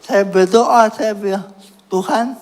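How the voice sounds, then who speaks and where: A man delivers a personal testimony sermon at a slow, unhurried pace. He pokes fun at himself and laughs through his story, then turns earnest as he recounts his prayers. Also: sits high, a little mellow. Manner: self-mocking, laughs at his own story. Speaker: preacher giving testimony.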